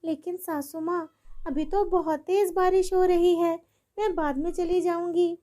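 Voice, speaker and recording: A woman's voice: very high voice, fairly even intonation, a little slow, warm tone, pitched above the performer's own voice. A woman voicing a polite but firm young daughter-in-law in a storybook tale. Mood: meek, reluctant.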